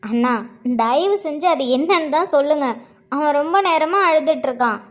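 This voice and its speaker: A woman's voice: sits high, moderate pace, lightly acted. A woman voicing a young cartoon mother who coos at her crying baby and snaps back at teasing. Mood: puzzled. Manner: coaxing with the baby, sharp retorts to teasing. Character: young mother, fond and easily exasperated. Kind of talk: cartoon voice acting.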